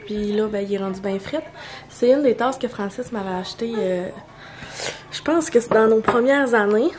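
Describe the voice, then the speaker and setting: A young vlogger with a Québécois French accent chats casually at home in a morning vlog, her voice medium in pitch against a noisy background. She rambles, full of fillers and restarts.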